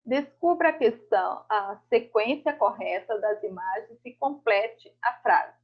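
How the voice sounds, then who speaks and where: A woman's voice: fairly high pitch, husky. A woman teacher, going over school exercises in a recorded lesson, reading each task aloud and explaining it patiently. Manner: reads tasks aloud, then explains slowly and patiently. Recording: muffled home recording.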